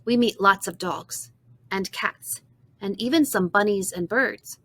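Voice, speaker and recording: Gentle woman reading a storybook. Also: mid-range voice, a little slow. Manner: gentle, expressive first-person reading. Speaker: audiobook narrator. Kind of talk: scripted storybook narration.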